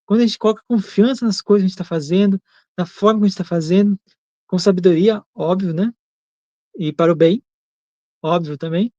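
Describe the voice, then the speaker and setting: A man co-hosting a Spiritist program, talking in a measured, thoughtful way and often repeating and restating his points. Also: sits high, dark tone, no room sound, dull audio. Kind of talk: reflective teaching talk.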